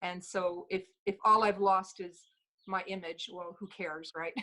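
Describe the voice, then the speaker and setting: A woman's voice: lowish voice, steady tone, measured pace, bright, forceful tone, rough recording. A woman talking casually and hesitantly as a participant, her speech affected by missing front teeth. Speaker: event participant. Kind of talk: casual questions and sharing.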